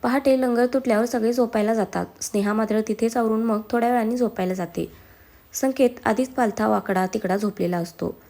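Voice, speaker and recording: A woman's voice: on the high side, fairly quick, mellow. A woman reading a family story aloud as storyteller, doing every character herself. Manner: reads all characters herself. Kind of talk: story narration.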